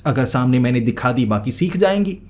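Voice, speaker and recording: A man's voice: medium pitch, expressive, a little fast, natural voice. Man doing Amma Dayan, a bossy old witch. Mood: stern. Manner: scolding, commanding. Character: stern old female witch leader, proud and bossy.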